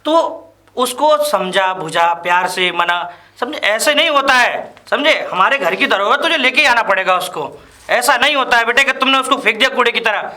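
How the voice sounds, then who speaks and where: A man's voice: very high voice, lively intonation, normal speed, bright, forceful tone, exaggerated voice. An actor playing a stern village father and former headman, lecturing his son and keeps asking if he understands. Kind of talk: amateur web drama acting.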